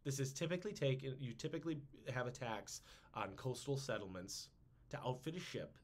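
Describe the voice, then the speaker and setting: A man's voice: mid-range voice, a little fast. A man hosting a casual history podcast, joking around and slipping into silly voices. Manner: animated, jokey, puts on silly voices. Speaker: podcast host.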